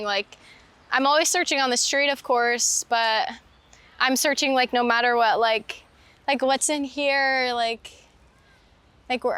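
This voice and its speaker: A woman's high voice, pushed, bright and smooth, comes through as she's interviewed outdoors in a city park about her work as a street photographer and painter. Walking as she talks, she reflects casually, drifting from point to point and saying "like" a lot.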